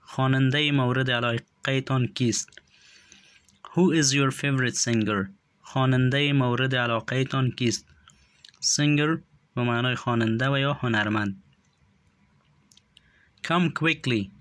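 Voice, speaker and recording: Slow, careful male language teacher. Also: medium pitch, fairly bright tone, dry recording. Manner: says English phrases slowly and clearly, translations quicker. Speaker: English teacher. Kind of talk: slow phrase-by-phrase language lesson.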